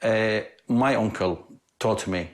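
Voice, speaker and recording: A man from Iraq, a property developer, answering interview questions in halting, slightly broken English with many pauses. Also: lowish voice. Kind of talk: on-site interview.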